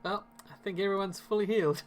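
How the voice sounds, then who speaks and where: A man's voice: high voice, brisk, a crowd in the background. A man narrating a tabletop game as game master, casual and hesitant, with many fillers.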